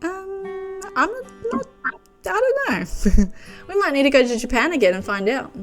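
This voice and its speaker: A woman's voice: high voice, very animated, a little slow, music in the background. A young woman co-hosting a let's-play, chatting and giggling as she plays and reads the game's text aloud. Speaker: co-host playing a game. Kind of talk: casual let's-play chat.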